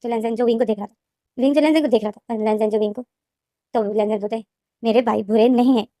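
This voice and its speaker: A woman retelling a fan fiction plot in a rapid, repetitive storytelling manner. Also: on the high side, mellow, no echo, clean studio sound. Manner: fast, repetitive storytelling with restarts. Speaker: story explainer.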